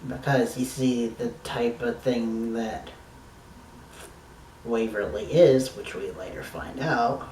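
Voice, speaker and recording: A man's voice: mid-range voice, steady tone, slow pace, darkish tone, echoey room, recorded from a distance, a little hiss or hum, poor audio. A man giving a casual, rambling, enthusiastic review of a TV episode, swearing now and then.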